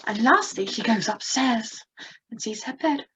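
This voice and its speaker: A woman's voice: on the high side, measured pace, fairly bright tone, soft background music, rough recording. A young woman expressively teaching children with puppets, punctuating her talk with gasps. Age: young adult. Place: indoors at a computer, virtual background.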